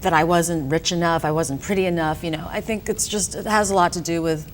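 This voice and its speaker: A woman from Hong Kong who works as a film director and actress answers interview questions as a guest, her voice on the low side and a little fast. She's chatty and keeps dropping fillers like "you know" and "um." There's slight background noise.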